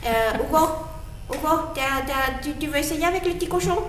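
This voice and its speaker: A woman urges a child to try the next puppet, her voice high. The room has a clear echo and faint hiss. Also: a little fast, far from the mic. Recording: echoey room, faint noise.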